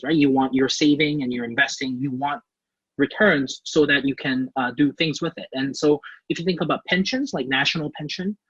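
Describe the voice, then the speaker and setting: A Canadian man in his thirties, a native English speaker and portfolio manager, teaches an online career class in a friendly, eager way, full of fillers and restarts. His voice is a little high, a bit bright, and breathy-edged, recorded with no echo but sounding muffled.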